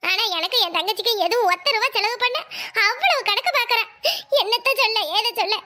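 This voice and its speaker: A woman's voice: extremely high pitch, brisk, bright, forceful tone. A woman voicing a wronged, scheming young sister-in-law in a cartoon comedy, complaining and wailing.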